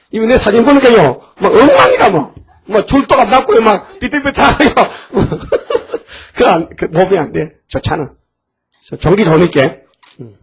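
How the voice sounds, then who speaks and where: Scolding his congregation and performing the voices of biblical figures, an older pastor gives a folksy sermon in a high-pitched, slightly rough voice. The church recording is dull and lo-fi.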